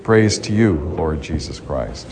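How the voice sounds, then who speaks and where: This priest has a bass voice with a sing-song lilt, speaks a little slowly, and the recording is very noisy. Standing in a church with long, cathedral-like reverb, he reads the gospel and then preaches informally, often breaking off and restarting sentences.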